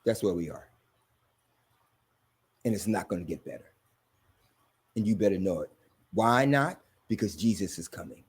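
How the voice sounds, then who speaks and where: A man's voice: deep voice, lively intonation, normal speed, pauses often, slightly rough. A man hosting a sermon-style commentary, talking in an emphatic, repetitive preaching cadence. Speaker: host.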